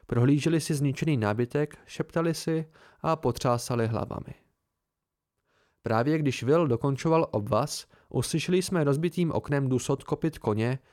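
A man's voice: mid-range voice, darkish tone. A man reading a novel aloud in the first person, as an amateur audiobook narrator.

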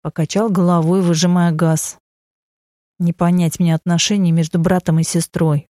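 A woman's voice: on the low side, flat delivery, normal speed, mellow, no echo, clean studio sound. A woman reading a first-person story with wry, conversational narration. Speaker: audiobook narrator.

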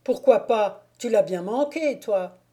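A stubborn old gamekeeper grumbles about mischief and deviltry in the woods, voiced by a woman reading aloud. He talks in blunt, emphatic bursts with a mellow, warm tone. The reading stays slow and deliberate. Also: mid-range voice, lively intonation. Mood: indignant. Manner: emphatic, gruff exclamations. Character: stubborn older male gamekeeper, blunt and superstitious.

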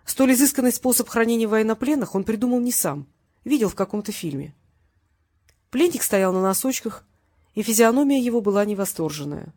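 A woman narrating a crime novel as an audiobook, in an even, measured reading. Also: on the high side.

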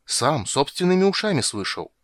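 A man voicing a servile, tattling male water rat who squeaks and whines in a storybook reading. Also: big pitch swings, normal speed, no room sound. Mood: fawning. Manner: whiny, squeaky, fawning.

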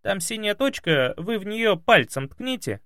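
A man's voice: sits high, very animated, measured pace, sharp tone, no room sound, studio quality, pitched above the performer's own voice, full character voice. A man reading aloud as a chatty, cheeky young male student of about twenty. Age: 20s.

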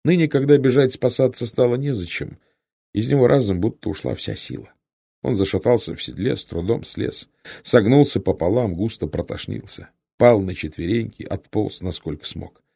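A man reading a historical novel aloud in steady, measured narration. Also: fairly low pitch, creaky, breathy edge. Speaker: audiobook narrator. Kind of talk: scripted narration.

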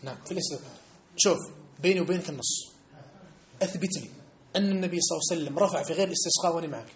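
Fast-talking mosque teacher. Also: male voice, on the high side. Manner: animated, argumentative, challenges listeners directly. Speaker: religious teacher. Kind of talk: mosque lesson.

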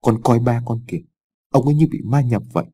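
A man's voice: medium pitch, fast talker, mellow, husky, close to an everyday voice. A man voicing a frightened, tearful old farm wife who pleads with a trembling voice.

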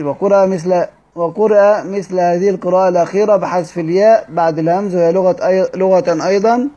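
High-voiced Egyptian man teaching Quranic readings. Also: dark tone. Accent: Egyptian Arabic. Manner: explains step by step, drawing out key words slowly and repeating them. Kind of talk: study-circle lecture. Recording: dull lo-fi recording.

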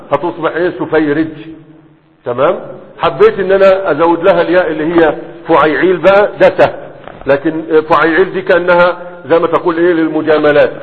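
A man teaching a class in a lecture style, constantly checking understanding with quick questions to his students. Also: on the high side. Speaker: teacher of Arabic morphology. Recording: tinny phone-like sound with long hall echo.

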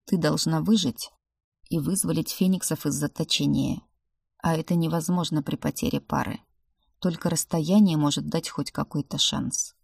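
A woman reading the lines of a stern male demon prince husband in an audiobook, speaking quietly, low and seriously. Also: steady tone, normal speed, creaky, slightly rough, no room sound, clean studio sound, heavily acted.

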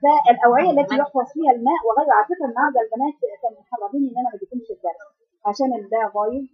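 A woman's voice: sits high, rapid-fire. A woman with an Egyptian accent teaching a religion class to girls, often asking the class to finish her half-spoken questions. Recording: tinny phone-like recording.

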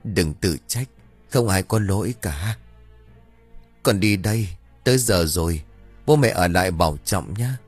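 Một người đàn ông đọc lời hồn ma cậu bé chết đuối nhập vào bà đồng, giọng buồn bã, dặn dò. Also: male voice, deep voice, lively intonation, unhurried, long pauses, husky, soft background music, full character voice. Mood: sorrowful. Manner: mournful, gently admonishing. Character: drowned boy's ghost speaking through an old woman.

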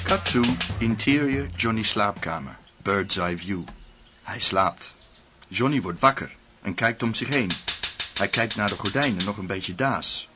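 A man narrating a screenplay aloud in a calm, measured reading, including stage directions. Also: fairly low pitch, over music.

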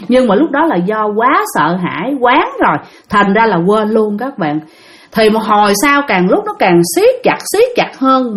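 A young woman telling a ghost story in a chatty way, talking straight to her listeners. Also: mid-range voice. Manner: chatty, addresses listeners directly.

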